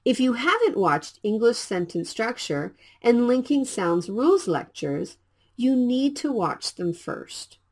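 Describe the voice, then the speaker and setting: A woman presenting an English lesson, explaining lines slowly and clearly with lively intonation. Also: on the high side. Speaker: English teacher. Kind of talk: scripted language lesson.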